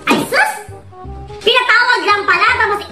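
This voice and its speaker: A performer playing a loud, bossy, busy mother who scolds and shouts in a comedy skit, over music. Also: very high voice, expressive, moderate pace, roomy sound. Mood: scolding.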